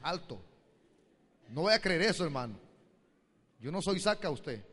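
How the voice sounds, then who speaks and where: Pastor preaching in a reverberant hall. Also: male voice, fairly high pitch, big pitch swings, measured pace, fairly bright tone, breathy edge. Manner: addresses the congregation directly with rhetorical questions. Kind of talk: sermon. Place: church hall.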